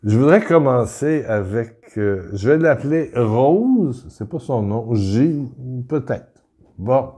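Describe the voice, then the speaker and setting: A middle-aged man with a Québécois accent gives an informal spiritual talk, reading viewers' letters aloud in a halting way with many restarts. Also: medium pitch, expressive, dark tone, husky. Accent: Québécois French.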